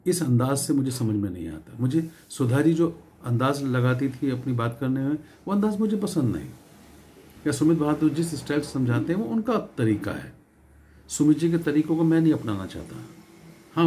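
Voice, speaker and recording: A middle-aged man speaks in a mellow, warm voice, giving motivational advice in a relaxed, conversational way. He often pauses on fillers and circles back over his own phrases. His pitch sits in an ordinary middle range. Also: slight background noise. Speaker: network marketing speaker. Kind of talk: motivational talk.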